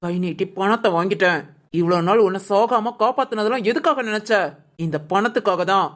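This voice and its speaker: A woman's voice: mid-range voice, brisk, natural voice. A woman playing a cruel, greedy middle-aged stepmother in a village drama, harsh and bossy. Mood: scolding.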